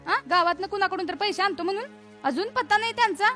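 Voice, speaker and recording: A woman's voice: extremely high pitch, fast, bright, forceful tone, faint music behind. An actress playing a worried poor village mother, nagging and anxious. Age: middle-aged.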